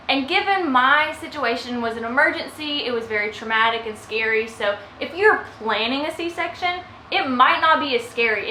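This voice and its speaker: A woman's voice: on the high side, bright, forceful tone, slight background noise. A young woman vlogger telling her own story casually to the camera, emotional and close to tears at times. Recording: echoey room with faint ambience.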